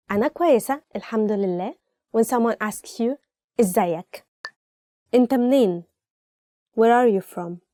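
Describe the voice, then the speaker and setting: A young woman with a warm, fairly high voice, teaching phrases in a casual and chatty way. She explains each question and repeats it for the viewer. The sound is close and dry, recorded in a small indoor studio. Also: no echo. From Egypt. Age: young adult. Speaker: language teacher. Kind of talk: casual spoken-Arabic lesson to camera.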